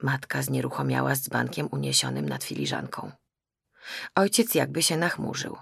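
A woman narrating a novel in a steady, even storytelling manner. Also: rumbling low, normal speed, vocal fry, breathy edge, no room sound, studio quality. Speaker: audiobook narrator. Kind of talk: scripted narration.

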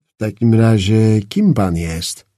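A man's voice: on the low side, animated, slow pace, mellow, dry recording, clean studio sound. A man voicing a bewildered doctor in an audiobook, asking polite, urgent questions. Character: bewildered male doctor, helpful and confused. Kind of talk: audiobook character reading.

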